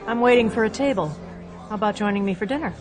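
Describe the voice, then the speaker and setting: A woman's voice: medium pitch, fast talker, over music, lightly acted. Actress as a flirty, self-assured female agent. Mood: flirtatious. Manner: playful, teasing. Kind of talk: audio drama dialogue.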